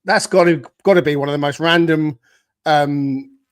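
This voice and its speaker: A man with a fairly high voice hosts a podcast in easy, upbeat chat. He welcomes commenters by name before handing over to his guest. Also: steady tone, normal speed, clean tone. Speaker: podcast host. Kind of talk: casual chat.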